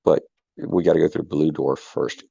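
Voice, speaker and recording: A deep-voiced man with a heavy gravelly fry talks bluntly in an offhand, casual way. His headset mic keeps cutting out, so his volume swells and fades as if he were far off. The sound is muffled and dull, with a husky edge. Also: fairly even intonation, normal speed, dark tone, no echo. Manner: blunt, offhand, swears freely. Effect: mic cutting out, volume dropping in and out. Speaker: livestream co-host. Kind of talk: casual chat.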